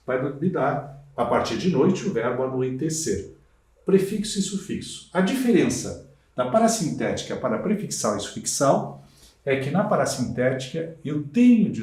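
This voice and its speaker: A Brazilian man lectures with a lively, wide-ranging pitch, drawing out key words slowly and checking in with "né?" as he teaches. His voice sounds roomy and a little distant from the mic. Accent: Brazilian Portuguese. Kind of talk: recorded lecture.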